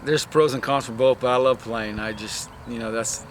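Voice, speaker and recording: A soccer coach from Brazil talks loosely in an interview, circling back and restarting his sentences. His voice sits at an ordinary pitch for a man. Loud traffic noise runs under the outdoor recording. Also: fairly even intonation, moderate pace. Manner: rambling, many restarts and "you know" fillers. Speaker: head women's soccer coach. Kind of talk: casual interview.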